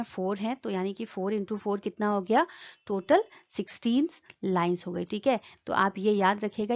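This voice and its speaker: A woman gives an exam-prep lecture in a blend of Hindi and English, her mid-range voice carrying a darkish tone through lo-fi sound. Her style is explanatory and step by step, frequently checking with listeners and saying "ठीक है" again and again.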